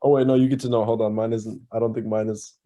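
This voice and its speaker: A man co-hosting a podcast over a video call, curious and halting, with many fillers. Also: on the low side, flat delivery, mellow. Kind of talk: casual podcast chat.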